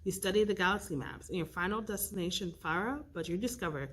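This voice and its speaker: A woman reading an interactive storybook aloud, expressive and stopping to pick the story's path. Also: on the low side, fast talker, slight background noise. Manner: expressive, with slips and restarts, rolling dice for choices. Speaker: youth librarian reading aloud.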